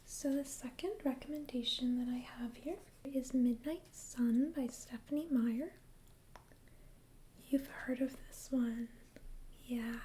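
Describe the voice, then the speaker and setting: A woman does a whispered role-play as a friendly librarian in a breathy, high library whisper. Her delivery is gentle and chatty with a mellow tone. Faint ambient noise sits behind her. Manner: gentle, hesitant, conversational. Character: friendly, chatty female librarian recommending books. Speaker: ASMR role-player as librarian.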